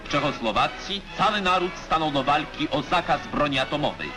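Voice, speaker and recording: A man's voice: fairly high pitch, animated, brisk. A man giving formal, declamatory narration for an old 1950s newsreel. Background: music.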